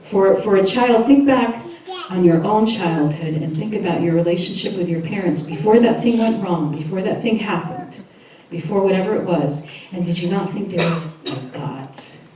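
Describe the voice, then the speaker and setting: A woman minister giving a chatty, lively sermon and laughing often as she talks with the congregation. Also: mid-range voice, moderate pace. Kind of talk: sermon with audience interaction. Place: church hall. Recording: echoey hall, voice from far off.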